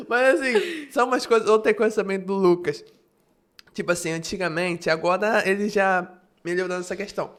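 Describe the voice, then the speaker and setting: A man's voice: high voice, a little fast, a bit bright. A man with a Brazilian accent hosting a church podcast, chatting casually and sharing a story of his own. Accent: Brazilian Portuguese. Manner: chatty, laughing along while sharing an anecdote. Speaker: podcast host. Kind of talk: casual chat.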